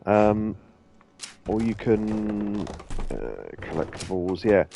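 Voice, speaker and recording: A man's voice: on the low side, sing-song, slow pace, vocal fry, dark tone, a little hiss or hum. A man casually talking through a video game he is playing, rambling loosely with lots of ums and restarts. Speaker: gaming streamer and host. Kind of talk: casual let's-play commentary.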